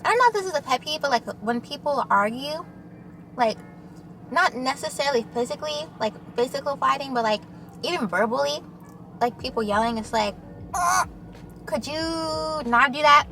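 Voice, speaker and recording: A woman's voice: high voice, expressive, brisk, a bit bright, a little hiss or hum. A young woman chatting casually with the camera while eating, chatty and loose, full of fillers. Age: young adult. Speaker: vlogger. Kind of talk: casual mukbang chat.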